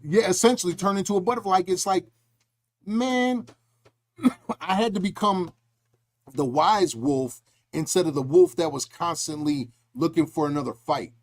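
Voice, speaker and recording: A middle-aged man hosting a casual podcast, his voice sitting a touch higher than most men's. He tells his stories with animation and slips into acted-out voices along the way. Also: moderate pace. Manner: animated storytelling, acts out quoted voices. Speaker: podcast host.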